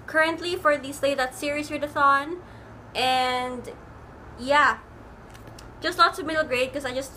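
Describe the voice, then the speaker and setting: A woman's voice: high voice, sharp tone. A young woman, chatting casually on her video, rambling with lots of likes and ums. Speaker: book vlogger. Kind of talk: casual chat. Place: room at home with air conditioning on. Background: air conditioner hum.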